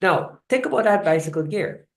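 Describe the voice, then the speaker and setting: A woman leads a live online presentation over a video call mic. Her delivery is casual and conversational, with pauses and restarts and a frequent "right?" to her audience. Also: on the low side, lively intonation. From Guyana. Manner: conversational, halting, often checks in with "right?". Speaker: host of a live online wellness session.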